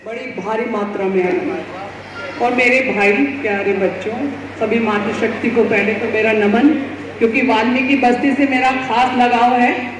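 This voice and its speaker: A woman's voice: on the high side, fairly even intonation, normal speed, crowd noise. A woman giving a public speech at a community meeting, repeating verse lines for emphasis. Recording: distant roomy PA sound with ambience.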